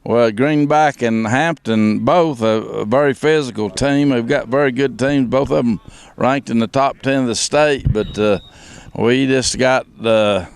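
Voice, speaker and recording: A man, a high school football coach, answering interview questions in a measured, plain-spoken way. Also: vocal fry, smooth.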